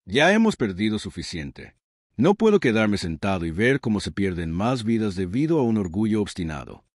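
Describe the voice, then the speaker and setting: A war-weary human soldier speaks steadily and with firm resolve, as a man narrating the story voices him. The voice is fairly low yet lively in pitch. The recording is dry and close. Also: moderate pace, no room sound. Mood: determined. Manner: steady and determined.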